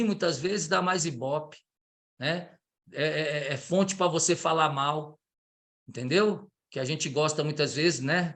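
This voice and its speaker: A Brazilian man with a high-pitched voice leads an online training session for fellow capoeira teachers. He talks with eager enthusiasm and tends to get carried away. His voice comes through a video call. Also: a bit bright.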